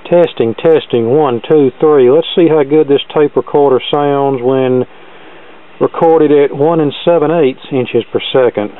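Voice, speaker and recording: At a cluttered indoor workbench, a plain-spoken, folksy man casually demonstrates a vintage electronics gadget as host. His medium-pitched, unhurried voice is captured on the camera's built-in microphone, giving phone-quality sound.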